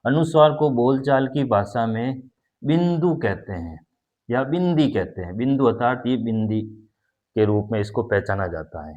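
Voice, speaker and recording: A man gives a classroom-style grammar lesson in a mid-range voice. He explains step by step and repeats his key points. He pauses to sound out example words. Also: medium pitch, animated, darkish tone, dull audio. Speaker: teacher.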